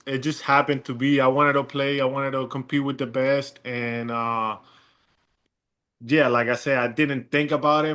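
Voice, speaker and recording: This pro basketball player from Chile is young and has a Chilean Spanish accent. Appearing as a guest in a laid-back interview, he talks in a mid-range, clean-toned voice, wandering loosely through his answers and filling them with fillers.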